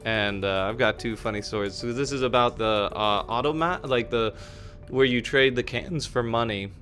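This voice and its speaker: A man's voice: medium pitch, normal speed, a bit bright, faint music behind. A man co-hosting a casual chat, telling stories with lots of fillers and restarts. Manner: rambling, storytelling with many fillers and restarts. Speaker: podcast co-host.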